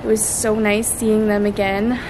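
A woman's voice: mid-range voice, flat delivery, unhurried. A young woman chatting upbeat in a casual travel vlog, filming herself at arm's length with lots of fillers. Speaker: vlogger. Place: in a car, outdoors on ice, and in a living room. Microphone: handheld camera at arm's length. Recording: loud car and road noise.

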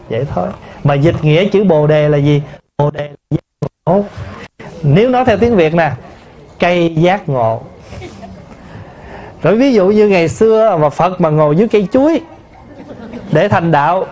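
A man, a Buddhist monk, giving a sermon to an assembly and explaining pronunciation slowly with many repetitions. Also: high-pitched, mellow, a little hiss or hum. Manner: slow, explanatory, addresses the assembly, repeats terms to teach pronunciation. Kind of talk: sermon answering a listener's question.

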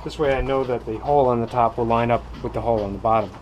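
Aboard a docked boat outdoors, an easygoing fishing video host narrates a boat project as a casual how-to, chuckling at himself. He talks fast in a mid-range, darkish voice, and the audio is dull with slight hiss or hum.

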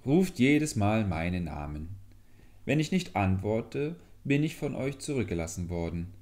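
A man voicing a small, clever male leech in a fairy tale who speaks calmly and lectures. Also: on the low side, measured pace. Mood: defiant. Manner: calm, lecturing, mildly scornful.

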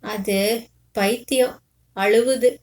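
A woman's voice: fairly high pitch, steady tone, slow pace, a little mellow. A woman reading a short story, voicing a weary, proud beggar woman who speaks faintly and pleadingly. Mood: evasive.

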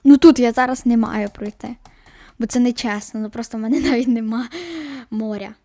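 A woman's voice: fairly high pitch, fairly even intonation, fairly quick, dark tone, no echo, clean studio sound. A woman chatting to her viewers while she plays a baking game, sometimes dropping into a whisper. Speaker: gaming video host. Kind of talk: casual gameplay commentary.

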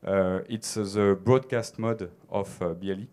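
A man with a French accent speaks into a handheld mic on a theater stage. His voice sits fairly low and sounds smooth and clear. He pauses and restarts often, filling gaps with hesitations as he answers questions. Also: fairly even intonation, warm tone. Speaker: conference speaker. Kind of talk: conference Q&A answers.

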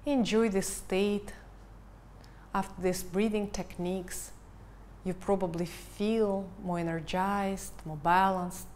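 Casting: woman, thirties, breathwork instructor, calm and unhurried, slow delivery, mid-range pitch. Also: slight background noise. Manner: calm, instructional, counting and cueing. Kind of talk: guided breathing lesson. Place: living room, indoors. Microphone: lavalier lapel mic.

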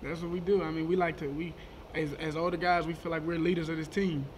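Quick, high-voiced young man. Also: a little hiss or hum. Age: 20s. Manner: quick, animated, repeats words as he talks. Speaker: college football player. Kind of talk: post-game press conference answers. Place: press conference room, indoors. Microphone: table microphone.

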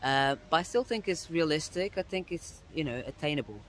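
A young male vlogger with a fairly high, lively voice talks a little fast to his phone camera, held at arm's length, on a woodland path. Slight background noise accompanies his chatty, step-by-step explanations, and he often restarts sentences.

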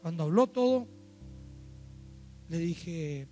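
A middle-aged man with a Paraguayan Spanish accent, preaching a sermon that tells stories from his own life, moving from hushed asides to loud, emphatic declarations. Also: a little high, expressive, takes it slowly, faint music behind. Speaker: pastor. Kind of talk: sermon with acted-out anecdotes.

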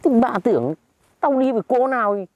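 A woman's voice: fairly high pitch, very animated, brisk, darkish tone, dry recording. A woman playing a stingy, grumpy old village grandfather who scolds bluntly in a comedy skit. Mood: grumbling.

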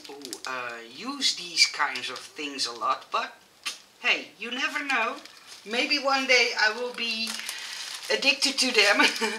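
A woman from the Netherlands with a Dutch accent, chatting casually and excitedly as she unboxes crafting gifts, often restarting her sentences. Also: on the low side, recorded from a distance, noisy background. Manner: excitable and gushing, with frequent restarts and giggles. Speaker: crafting vlogger.

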